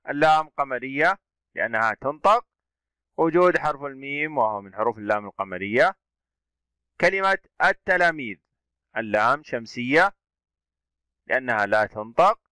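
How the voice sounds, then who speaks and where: A man teaching an Arabic reading lesson, sounding out letters and vowels slowly, asking questions and praising his pupils. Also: mid-range voice, bright, forceful tone, clean tone, no room sound. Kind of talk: classroom reading drill.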